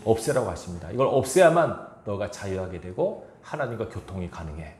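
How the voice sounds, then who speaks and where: A fairly low, darkish male voice, very animated and a little fast, reads scripture during a sermon in an echoey sanctuary, then turns to rhetorical questions aimed at the congregation. A little hiss or hum runs underneath.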